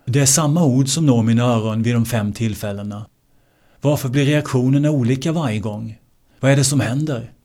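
A man teaching meditation in a slow, measured way, repeating key words for emphasis. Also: mid-range voice, mellow. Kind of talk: spiritual teaching talk.

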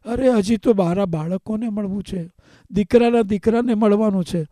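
A frail old man begs a doctor to spare his life, his pleas tumbling out again and again, as a male teacher puts him on. The voice sits high yet sounds dark and mellow. It is recorded close and dry. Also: moderate pace, no echo, close to an everyday voice. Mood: pleading. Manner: pleading, repeating himself.

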